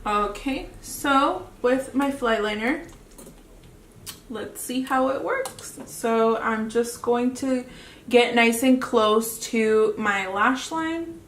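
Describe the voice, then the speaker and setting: Recorded from a distance in an echoey room with a faint hiss, this woman speaks slowly in a somewhat high voice. She's a beauty vlogger with a Mexican accent, chatting loosely through a makeup tutorial and frequently leaving sentences unfinished.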